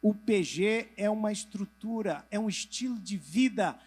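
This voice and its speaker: Preaching to church leaders at a convention hall with a live audience, a middle-aged man with a high voice keeps a measured pace. He answers his own questions, sometimes prompts hands to go up or people to turn to a neighbor, and softens his voice at points.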